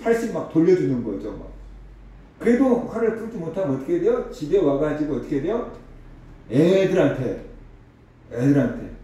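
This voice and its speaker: Pastor preaching in an echoey hall. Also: male voice, sits high, warm tone. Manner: conversational, asks the congregation rhetorical questions. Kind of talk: sermon. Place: church sanctuary. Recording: distant echoey hall recording.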